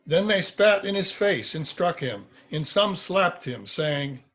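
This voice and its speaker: A man's voice: sits high, animated, slow, fairly bright tone. A man narrating a scripture passage as a lay church reader, on a slightly dull home recording.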